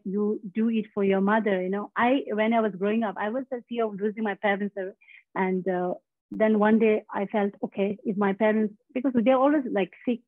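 A woman whose first language is Tibetan, a guest doctor telling personal stories slowly and haltingly, often searching for words. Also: medium pitch, no room sound. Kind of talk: personal storytelling in a talk. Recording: husky, tinny phone-like line.

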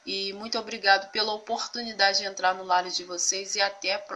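In a home kitchen, a Brazilian woman with a cold keeps her phone camera over the food and herself off screen as she shows her cooking and groceries. She speaks fairly quickly in a flat, bright, forceful mid-range voice, congested, homely and casual, repeating "meus amores" and "tá" over and over.

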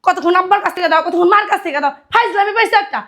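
A woman's voice: very fast, fairly bright tone. An actress playing a fed-up young wife who scolds her jobless husband. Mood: exasperated. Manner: shrill, exasperated scolding.

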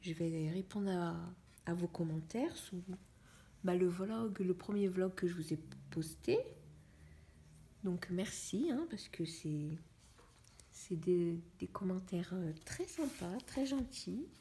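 A young woman chatting in a casual coloring vlog, musing to herself in a soft, often half-whispered voice. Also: on the low side, slow, slight background noise. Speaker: vlogger. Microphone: phone camera.

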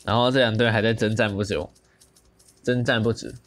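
Excitable young man commentating gameplay. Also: on the low side, brisk. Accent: Taiwanese Mandarin. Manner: excited, switches between Mandarin and English, lots of exclamations. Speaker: gaming channel host.

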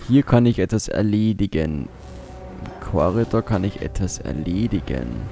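A man hosts a let's play in a casual way, thinking aloud as he goes. His voice is mellow and fairly low, and its pitch swings around a lot. He often mutters to himself. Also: sing-song, moderate pace, vocal fry, faint music behind. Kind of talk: casual gameplay commentary.

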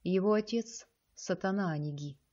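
Woman narrator doing an old cult leader man in an audiobook, solemn and booming, dark mellow voice, kinda dull lo-fi sound. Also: moderate pace, husky. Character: elderly male cult leader, solemn and sinister.

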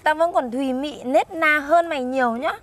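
A woman with a husky voice in comedic banter, boastful and quick to argue back. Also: high voice. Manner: boastful, defensive, argumentative.

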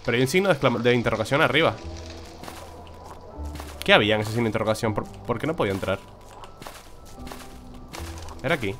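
Young Spain Spanish gamer talking through his play, casual and cussing, with mid pitch, over loud game music. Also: animated, fast talker, pauses often. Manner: chatty, swears when he is frustrated. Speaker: gaming video creator. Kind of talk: let's play commentary.

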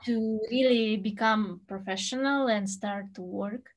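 A pianist in her thirties from Russia, a native Tatar speaker, answers interview questions in English, which isn't her first language, thoughtfully and with quick laughter. She has a medium-pitched voice and is recorded on a webcam indoors at home, in a room with a piano.

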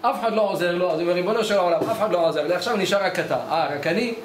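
In an echoey study hall with faint ambience, a man speaks in a high voice, a rabbi giving his weekly Torah lesson. He tells a story as a sermon and voices the characters' exchanges himself, over a slight hiss or hum.

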